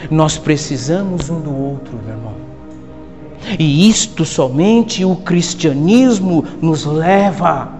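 Brazilian pastor guy preaching, pretty high voice, long echo in the church, bit of music under it. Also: lively intonation, takes it slowly. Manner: calls listeners "my brother", swings from hushed asides to loud exhortation. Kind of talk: sermon. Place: church service with congregation in masks. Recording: long hall reverb with faint music.

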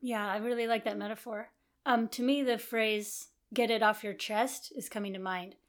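A woman's voice: on the high side, fairly even intonation, normal speed. A middle-aged woman co-hosting a casual marriage podcast, talking in a chatty, encouraging way. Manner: chatty and encouraging, with many affirming murmurs. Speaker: podcast co-host.

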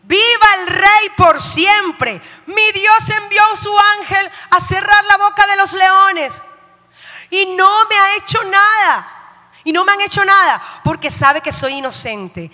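A woman preacher plays a bold young prophet, reverent yet triumphant. The voice rings high and bright, calling out in a proclaiming way. A long hall reverb hangs on every word. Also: lively intonation, a little slow, few pauses.

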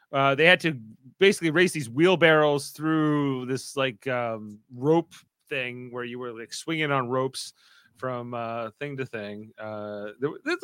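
Podcast host, male, bright voice with lots of pitch swing, dry sound. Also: smooth, no room sound. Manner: animated, acts out quotes in exaggerated voices. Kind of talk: casual recap chat.

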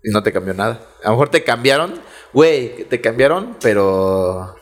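Joking young Mexican man, animated. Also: mid-range voice, normal speed. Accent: Mexican Spanish. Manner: joking, slangy, bantering. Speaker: podcast co-host. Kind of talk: casual chat.

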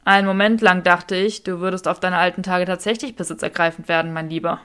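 A woman's voice: fairly low pitch, steady tone, fast talker, fairly bright tone, clear, resonant tone, close to an everyday voice. Woman doing a drawling, smug wizard. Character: smug flirtatious wizard man, teasing rival.

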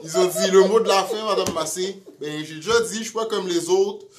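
A man's voice: sits high, a little fast, noisy background. A man with a Quebec French accent telling political stories in a casual chat, laughing and mimicking politicians. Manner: animated storyteller, mimics politicians, laughs often.

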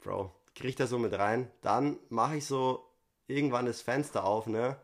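A young man, co-hosting a casual podcast chat and telling a story, briefly acting out other people's lines. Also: moderate pace. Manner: storytelling, acts out quotes in a high squeaky voice. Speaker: podcast co-host.

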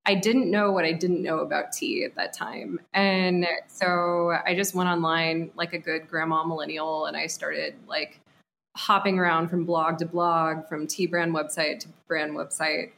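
Podcast guest: a Texas-raised woman in her thirties, a bit low-pitched, talkative, plenty of "um" and "like", a faint hum behind her. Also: level tone, a little slow, vocal fry, a bit bright. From Texas, USA. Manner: chatty, laughs often, many fillers. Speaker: guest, company founder. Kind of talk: casual interview.

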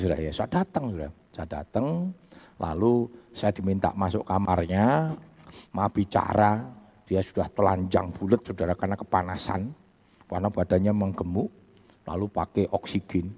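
A man's voice: low voice, moderate pace, in a large hall. A man with a Javanese accent, a pastor telling a story in a sermon and calling his listeners brothers and sisters. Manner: addresses listeners as "saudara", building to loud preaching.

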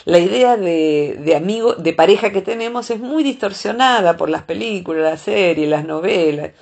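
Husky Rioplatense woman, podcast chat. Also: on the low side, moderate pace, darkish tone. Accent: Rioplatense Spanish. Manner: thoughtful, explains with many filler "eh"s. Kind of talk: casual explanatory podcast chat.

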